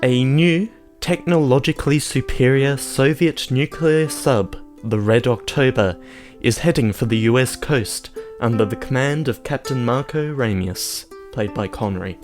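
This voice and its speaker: A man's voice: mid-range voice, a little slow, few pauses, soft background music. A man co-hosting a podcast, chatting casually and telling wry film anecdotes. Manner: wry storytelling with laughs. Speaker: podcast co-host. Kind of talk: casual chat.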